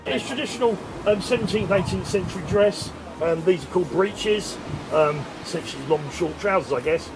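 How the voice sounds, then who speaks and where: Middle-aged male interviewee, English accent, slightly high pitch, stumbling informal explanations, prominent music bed. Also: moderate pace, low-quality recording. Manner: hesitant, repeating words as he explains. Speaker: town crier being interviewed. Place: outdoors on a seaside pier bench.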